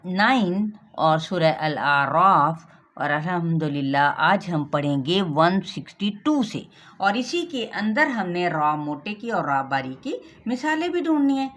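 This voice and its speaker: A woman with a Pakistani Urdu accent teaching Quran recitation rules, patiently explaining step by step and drilling each sound slowly. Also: on the low side, big pitch swings, fairly bright tone. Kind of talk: tajweed lesson with recitation.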